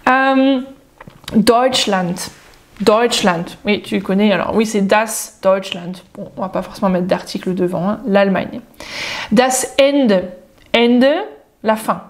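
A woman giving a casual, spontaneous spoken lesson, chatting informally with the viewer and slowing down to say German example phrases. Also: mid-range voice. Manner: addresses the viewer informally, jokes. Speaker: German teacher.

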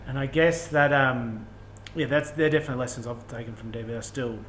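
A man's voice: mid-range voice, steady tone, fairly quick, fairly bright tone. A man, chatting casually in an interview. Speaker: interviewer and former professional rugby player. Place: indoors in an empty bar. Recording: roomy, echoey sound with faint noise.

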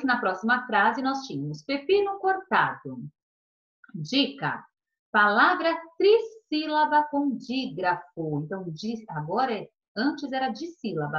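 Lively Brazilian woman teaching children. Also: fairly high pitch, highs cut off. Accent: Brazilian Portuguese. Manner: warm, patient, sing-song explaining to children. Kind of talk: online class lesson.

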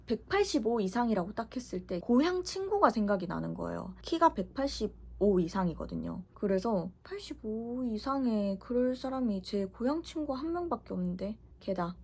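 A woman's voice: mid-range voice, big pitch swings, normal speed, a little mellow, breathy edge. A woman in her twenties from the Gyeongsang region, telling a story casually as a vlogger and acting out the conversations in it. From Gyeongsang region, Korea.

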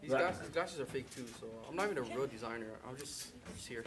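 A man's voice: mid-range voice, expressive, fast talker, noisy background. Man bantering in a skit. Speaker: contestant playing a fake designer. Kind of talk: improvised comedy skit.

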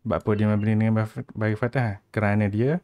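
A low-voiced man with a Kelantanese Malay accent tutors a student informally. He speaks as a teacher guiding a lesson, recorded close and dry. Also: fairly even intonation, fast, warm tone, dry recording. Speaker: Arabic grammar teacher. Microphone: headset.

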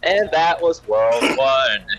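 A man's voice: medium pitch, lively intonation, takes it slowly, over a noisy crowd. A man playing a co-op game with friends in casual chat, making wisecracks and jokey asides. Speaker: co-op player.

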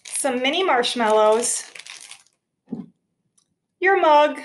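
Speaking extremely slowly in a high, lively voice, a teacher in her thirties gives children a cheerful, clear cooking demonstration step by step from her home kitchen. A laptop camera across the counter records her, with a little hiss or hum.

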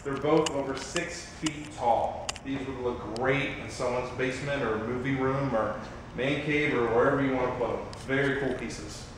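A man's voice: mid-range voice, moderate pace, noisy background. A young man hosting an auction preview, walking through a warehouse showroom and presenting items one by one in an upbeat way. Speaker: auction host. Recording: echoey warehouse room, faint ambience.

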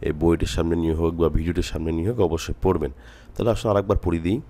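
A man from Bangladesh giving a recorded Quran reading lesson, explaining patiently and drawing out letter sounds slowly in drills. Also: low voice, fairly even intonation, mellow. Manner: slow, drawn-out recitation of letter drills. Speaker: Quran teacher.

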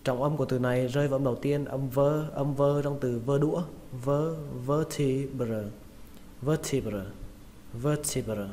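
A man giving a spoken vocabulary lesson, saying each word slowly and repeating it with care. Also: medium pitch, steady tone, mellow. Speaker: English pronunciation teacher. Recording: long reverb with faint noise.

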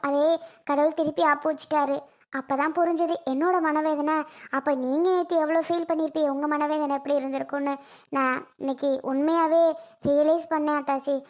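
A woman voicing a tearful, apologetic young married woman. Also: high-pitched. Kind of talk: family skit acting.

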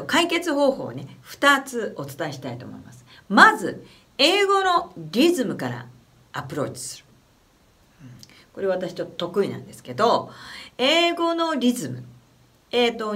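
Lively Japanese woman vocal coach. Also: a little high. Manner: chatty, animated, demonstrates phrases slowly. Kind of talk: casual spoken singing lesson.

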